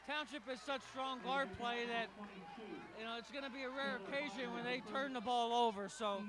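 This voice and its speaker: A man, a coach, giving relaxed, analytical color commentary at a high school basketball game in a gym, rambling a little. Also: normal speed, crowd noise. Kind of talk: live sports color commentary. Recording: hissy live broadcast.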